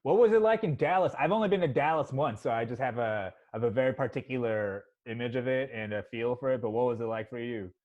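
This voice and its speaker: A man's voice: mid-range voice, quick pace, few pauses. A man hosting a podcast, chatting in a rambling, profane way with lots of "you know". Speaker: podcast host. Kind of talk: casual podcast chat. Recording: slightly dull sound.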